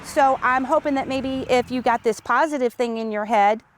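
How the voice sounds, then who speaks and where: Earnest woman, high voice, outdoor interview, faint traffic behind. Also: moderate pace. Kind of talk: casual interview. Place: outdoors in her front yard.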